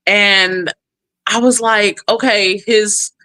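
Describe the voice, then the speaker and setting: A woman's voice: medium pitch, slow, dry recording. A woman in her thirties from California, telling her story candidly in an interview and acting out quotes. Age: 30s. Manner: expressive, animated, acts out quotes. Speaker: guest.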